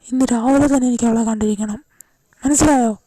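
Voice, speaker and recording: A woman's voice: on the high side, fairly even intonation, fast talker, dark tone, no room sound, natural voice. A woman voicing a bossy man hunting a runaway girl, barking orders harshly, in an amateur fan audio drama. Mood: angry.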